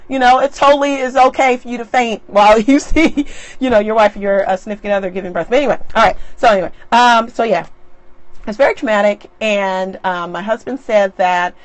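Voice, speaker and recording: A woman's voice: mid-range voice, brisk, dry recording. A middle-aged woman talking casually on a live stream into her tablet, chatty and often laughing. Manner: chatty and laughing, lively animated asides. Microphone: tablet mic.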